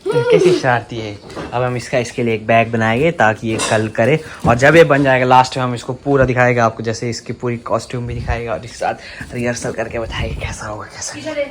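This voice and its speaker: A young family vlogger with a mid-range voice chats casually with his viewers at home, teasing them and addressing them directly. He's animated and fairly quick, with a little hiss or hum on the audio and loud crickets chirping in the background.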